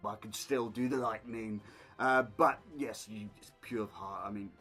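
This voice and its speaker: A man's voice: on the low side, normal speed, a bit bright, faint music behind, lightly acted. A man playing a haughty thunder god. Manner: grand, haughty, calls people puny humans. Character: boastful adult male Norse thunder god. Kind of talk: comedy sketch acting.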